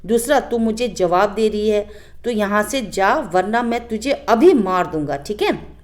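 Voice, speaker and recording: A woman voicing an angry male lion, the king of the jungle, giving gruff, threatening commands in a storybook telling. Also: mid-range voice, animated, unhurried, natural voice.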